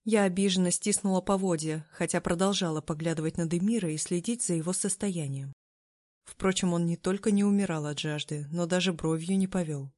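A woman reading a novel aloud as first-person scripted narration, in a steady, even storytelling manner. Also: lowish voice, brisk, no echo, studio quality. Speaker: audiobook narrator.

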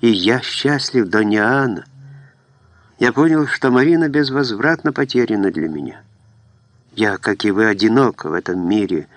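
A man reading an audiobook voices a remorseful young nobleman who confesses his love in an earnest, halting way. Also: on the low side, lively intonation, dry recording, natural voice.

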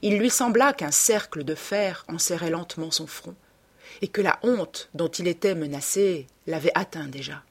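Woman reading an old novel aloud, lowish breathy voice, steady pace. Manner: measured, even storytelling. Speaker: audiobook narrator. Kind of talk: scripted literary narration.

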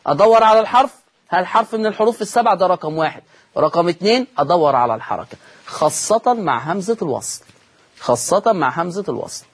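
A man's voice: sits high, breathy edge. A man with an Egyptian accent teaching Quran recitation rules in a televised lesson, repeating key points and asking his students questions he then answers himself. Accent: Egyptian Arabic. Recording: studio broadcast.

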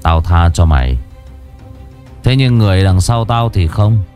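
A man's voice: low voice, measured pace, darkish tone, soft background music. A man voicing a cold, hardened young man seeking revenge, speaking in short, clipped phrases.

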